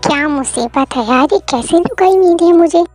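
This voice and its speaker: Brief: sleepy, grumbling young husband, woman voicing, lower than her usual voice, audio drama. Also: expressive, normal speed, darkish tone, soft background music. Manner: tired, grumbling, exasperated. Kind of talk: Hindi fan audio drama.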